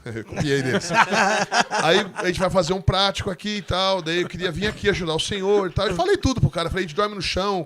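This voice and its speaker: A Brazilian man with a high voice and a Brazilian Portuguese accent shares a lively testimony as a missionary guest speaker. He laughs throughout and acts out the people in his story.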